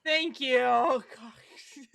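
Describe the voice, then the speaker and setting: A giggly, excitable woman playing a tabletop game in casual improvised role-play. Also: high voice, very slow, vocal fry, slight background noise.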